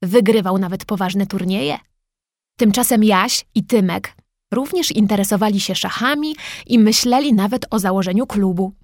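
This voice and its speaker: A woman narrating a children's story in a calm, measured and gently expressive way. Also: medium pitch, no echo, studio quality.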